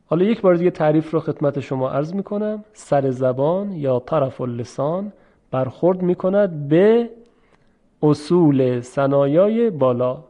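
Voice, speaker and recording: A man teaching how to pronounce Arabic letters for Quran recitation, explaining slowly and repeating drill sounds. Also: a little high, expressive, lo-fi sound. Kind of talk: explanatory lesson on letter pronunciation.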